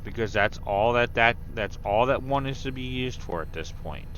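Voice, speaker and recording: Bright-voiced man explaining the route. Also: mid-range voice, expressive, moderate pace, dull audio, a little hiss or hum. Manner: explaining the layout step by step. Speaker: fellow player. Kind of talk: casual gameplay chat.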